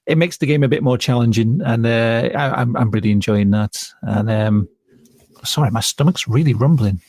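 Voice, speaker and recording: A man's voice: medium pitch, normal speed, darkish tone, no echo, clean studio sound. A man chatting as a podcast guest, easygoing and talkative, with hesitant fillers. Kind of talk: casual chat.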